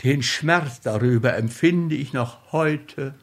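Male narrator, slow solemn audiobook read, mid-range voice. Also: mid-range voice. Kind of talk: literary audiobook reading.

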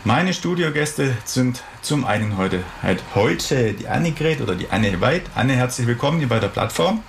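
A man hosting a radio studio interview, chatty and relaxed as he introduces guests and asks loose, rambling questions. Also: medium pitch, moderate pace, vocal fry, slight background noise. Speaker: radio host.

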